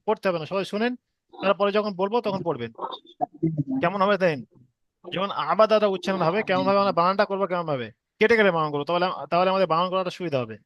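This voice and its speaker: A man's voice: sits high, no room sound, dull audio. A man teaching a reading class, spelling out sounds syllable by syllable in a patient, repetitive way. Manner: slow syllable-by-syllable spelling drills; patient, repeats each sound. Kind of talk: online reading lesson.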